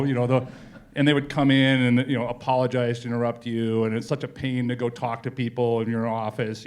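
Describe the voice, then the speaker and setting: This man has a mid-range, slightly mellow voice. Appearing as a company executive in a casual on-stage interview, he tells colloquial stories and drifts into frequent asides.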